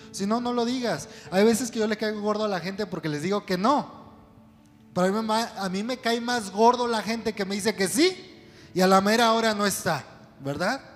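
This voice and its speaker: Pastor preaching in a reverberant hall. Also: male voice, high-pitched. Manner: preaching to a congregation, calling for responses. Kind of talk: sermon. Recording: long hall reverb with faint music.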